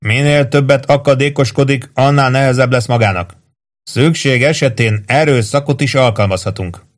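A man's voice: medium pitch, voice pushed up, lightly acted. A man reading aloud, voicing a bored, impatient army duty officer in an audiobook.

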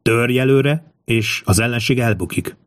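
A man voicing a fierce Roman centurion who shouts battle orders in a sharp, almost frenzied voice. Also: medium pitch, dry recording, clean studio sound, close to an everyday voice. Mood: battle cry.

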